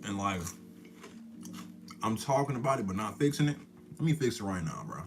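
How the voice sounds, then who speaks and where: A man's voice: on the low side, sing-song, fast, creaky, background noise. A young man chatting casually on a livestream, slangy and self-mocking, talking while he eats snacks. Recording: loud music behind. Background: loud music.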